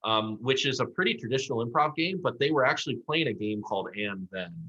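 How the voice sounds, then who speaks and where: Encouraging improv coach, man, bright forceful tone, dull lo-fi audio. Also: medium pitch, lively intonation, fast. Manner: rambling, encouraging, lots of fillers. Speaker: improv league coach and co-host. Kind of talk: casual recap chat.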